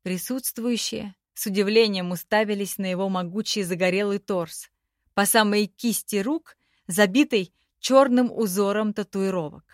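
A woman's voice: mid-range voice, normal speed, no echo. Woman narrating a fantasy story, dry sound. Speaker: audiobook narrator.

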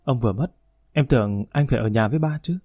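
A man voicing a gentle young woman who soothes her boyfriend, in an audiobook reading. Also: medium pitch, quick pace, close to an everyday voice. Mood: soothing. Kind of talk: audiobook narration.

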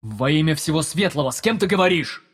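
A man voicing an ancient, supreme male spirit, growling and forceful. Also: on the high side, lively intonation, fairly quick, breathy edge, big-room sound, pitched above the performer's own voice. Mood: urgent.

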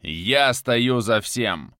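A man voicing a cold, venomous male crime boss who shouts in fury. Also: medium pitch, animated, a little slow, no echo, clean studio sound, pitched above the performer's own voice. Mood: furious.

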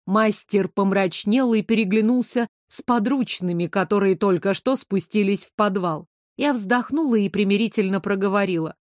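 A woman's voice: mid-range voice, normal speed, no echo, clean studio sound. A woman narrating a first-person story as an audiobook, changing her voice for the characters. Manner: lively, switching voices for characters.

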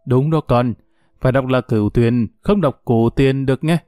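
A man voicing a wise, gentle old grandfather who explains things patiently. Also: medium pitch, moderate pace, dry recording, studio quality, soft background music, lightly acted. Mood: patiently explaining.

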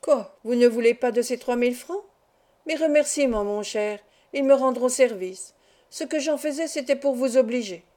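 A scheming, miserly uncle, as a woman reads him from an audiobook novel, talking smoothly with a threat beneath it. The voice sits a little high and sounds mellow. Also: moderate pace, close to an everyday voice. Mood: mocking. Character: harsh scheming miserly uncle, middle-aged man.

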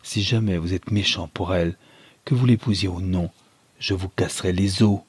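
A man's voice: deep voice, steady tone, moderate pace, breathy edge, dry recording. A man doing a hot-tempered young countryman. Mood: angry, blunt. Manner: curt and angry.

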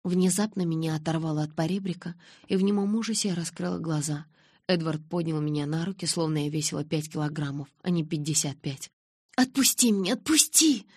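A woman reads a novel aloud in the first person, steady and expressive. Her voice is low with a husky grain. The recording is dry and close. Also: a little fast, no room sound. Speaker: audiobook narrator. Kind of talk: first-person audiobook narration.

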